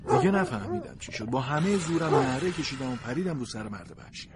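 Guy reading a storybook as the dog, earnest, mid pitch, noise behind him. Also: big pitch swings. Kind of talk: storybook narration in first person as a dog. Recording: noisy background.

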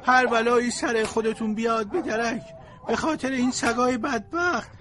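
Man voicing an older bystander, high and indignant, defending the dogs. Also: steady tone, sharp tone. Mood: indignant pleading. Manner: pleading, then scolding.

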